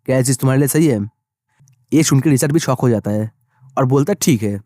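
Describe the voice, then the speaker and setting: Male recap narrator, fast, mellow dark tone, dry close voice-over. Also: medium pitch, dry recording. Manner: rapid, plain retelling of dialogue. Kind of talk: storytelling recap, voicing all characters in the same voice.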